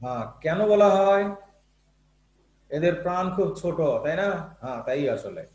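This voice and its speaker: A man's voice: on the high side, expressive, moderate pace, darkish tone, echoey room. A male teacher explaining Bangla sounds in a lesson, patient and repetitive, often checking that students follow, with a Bangladeshi Bangla accent. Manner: explains patiently, repeats terms and checks with "ঠিক আছে?". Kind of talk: classroom lesson on Bangla phonetics.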